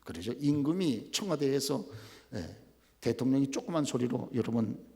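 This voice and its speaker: A male pastor preaching a sermon, dropping to soft asides, then shouting loud commands. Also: mid-range voice, lively intonation, normal speed. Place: church sanctuary. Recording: reverberant church hall.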